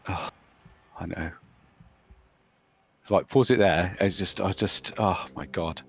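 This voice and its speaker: Very deep voiced guy, halting casual chat about his games, keeps trailing off. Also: creaky, breathy edge. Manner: hesitant, restarts sentences, trails off. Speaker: Blood Bowl player recapping his games. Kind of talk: casual chat over game replay.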